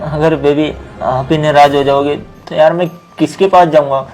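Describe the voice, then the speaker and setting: A man playing a smooth-talking young boyfriend in a scripted drama, with a coaxing, casual way of talking. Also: on the high side, steady tone, normal speed, a little mellow, close to an everyday voice. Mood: apologetic.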